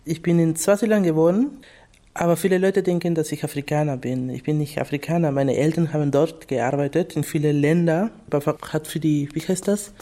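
A woman's voice: sits low, steady tone, a little fast, mellow. A woman, a musician, speaking German as an in a casual interview, searching for words at times. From Peru.

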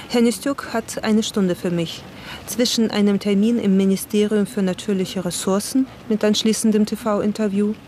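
A woman reporter giving measured documentary narration in a calm storytelling manner. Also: medium pitch, a little hiss or hum.

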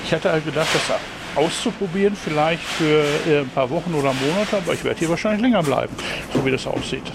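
A man's voice: on the high side, fast talker, creaky, background noise. A man in his sixties from Dortmund, answering interview questions thoughtfully with some hesitant fillers. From Germany, Dortmund. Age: 60s. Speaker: interviewee, meat counter worker.

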